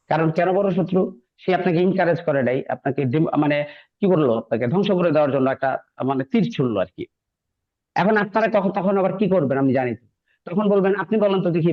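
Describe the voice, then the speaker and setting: A man teaching an English class in a chatty, encouraging way, often repeating himself. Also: fairly high pitch. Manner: conversational, encouraging, repeats phrases. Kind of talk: classroom lecture. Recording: dull lo-fi recording.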